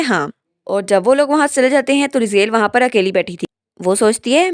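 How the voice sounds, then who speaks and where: A woman's voice: a little high, no echo, studio quality. A woman retelling a comic story as a storyteller in a casual narrating style, briefly raising her voice for the characters.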